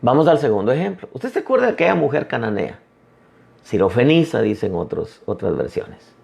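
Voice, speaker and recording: A man preaching a sermon as an apostle, emphatic with dramatic pauses. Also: medium pitch, very animated, vocal fry, darkish tone.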